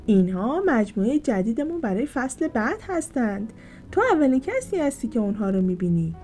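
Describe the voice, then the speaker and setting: Woman doing a cheeky shopkeeper from a kids' book, lively, kinda conspiratorial. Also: a little high, faint music behind. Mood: playful. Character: friendly playful shopkeeper sharing secrets.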